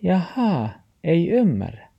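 A man voicing a small, excitable talking dog in a storybook, with a Meänkieli accent and a shrill, yappy way of firing off short questions. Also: creaky, husky, highs cut off, exaggerated voice. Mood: curious. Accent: Meänkieli (Tornedalen).

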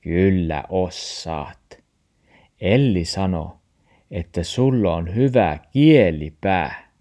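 A man voicing a calm, firm grandfather in his seventies or older in a storybook, speaking steadily and patiently with a Meänkieli accent. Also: sits low. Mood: insistent. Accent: Meänkieli (Tornedalen). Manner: steady and patient, insisting gently.

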